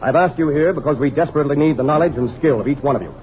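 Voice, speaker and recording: An actor playing a formal, commanding, grave army general in an old-time radio drama. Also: male voice, fairly high pitch, racing, lightly acted. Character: authoritative male army general briefing officials gravely. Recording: dull vintage radio recording, faint noise, crowd.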